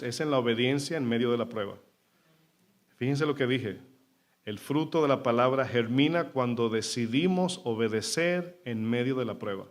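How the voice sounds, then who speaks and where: A male pastor preaching a sermon to a congregation, asking questions and answering them himself. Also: mid-range voice. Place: church.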